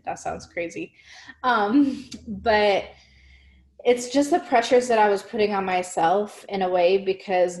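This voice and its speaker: A woman's voice: medium pitch, a little mellow. A woman talking casually as an interview guest, chatty and full of fillers. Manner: chatty, fillers like "like" and "you know". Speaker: music marketing guest.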